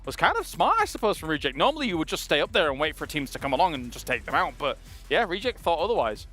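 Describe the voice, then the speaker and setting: A man on an esports analyst desk with a slightly high voice. He weighs team positions in a measured, considered way. The broadcast studio has faint music in the background. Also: very animated, fairly bright tone.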